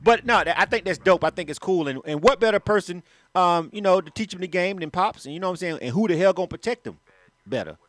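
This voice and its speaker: A man hosting a radio interview in a relaxed, slangy, laughing way. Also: high-pitched, fast talker, dry recording. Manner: laid-back, slangy, laughs a lot. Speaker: radio show host.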